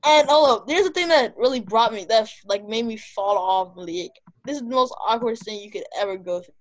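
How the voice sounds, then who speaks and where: A woman's voice: on the high side, brisk, low-quality recording. A young woman telling stories in casual chat, with slangy speech peppered with "bro". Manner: slangy, often saying "bro".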